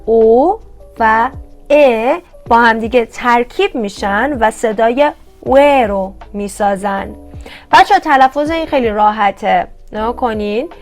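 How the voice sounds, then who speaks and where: A woman teaching Korean vowels in an online lesson, patiently repeating each sound slowly and addressing her viewers as kids. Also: a little high, soft background music.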